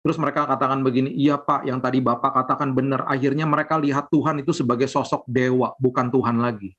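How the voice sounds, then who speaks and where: A man's voice: fairly even intonation, fast talker, a bit bright. Man preaching over a video call. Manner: conversational preaching, rises in pitch when voicing complaints. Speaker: pastor. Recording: dull lo-fi video call audio.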